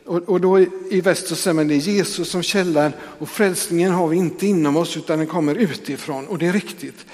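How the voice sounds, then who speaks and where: A pastor giving a conversational sermon in a church, with frequent tag questions and restarts. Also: male voice, a little high, few pauses, darkish tone, in a large hall.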